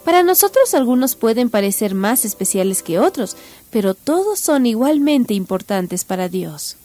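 A woman reading scripture and a children's devotional in an earnest, measured, reverent way. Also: on the high side, very animated. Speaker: devotional reader. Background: music.

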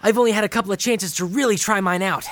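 An actor playing an energetic, playful young son of a village chief in an audio drama. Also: male voice, sits high, quick pace. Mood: eager. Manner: energetic, boyish.

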